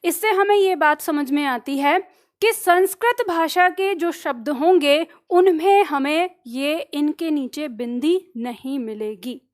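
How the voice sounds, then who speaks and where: A woman teaching an online Hindi lesson, explaining step by step, putting questions to her students and answering them herself. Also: sits high. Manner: slows down and drags out letter sounds to demonstrate pronunciation. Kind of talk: online exam-prep lesson.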